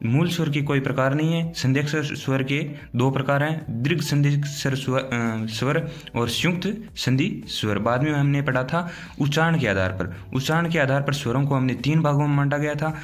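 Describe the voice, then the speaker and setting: A man's voice: medium pitch, normal speed. A man teaching an exam-prep grammar lesson, explaining step by step and answering his own questions. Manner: explains step by step, often asks "theek hai na?"; asks questions, then answers them himself.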